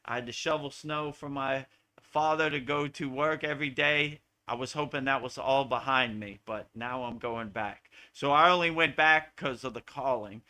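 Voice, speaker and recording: Bright-voiced American man teaching yoga. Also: medium pitch, normal speed. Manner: earnest, repetitive, preaching. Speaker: spiritual teacher. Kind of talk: live Q&A satsang talk.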